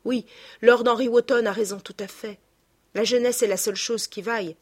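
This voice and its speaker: A woman reads an anguished young man in a storybook reading, his voice breathy and lifted with pleading. He sounds tearful and desperate. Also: on the high side, steady tone, moderate pace, natural voice. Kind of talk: audiobook reading.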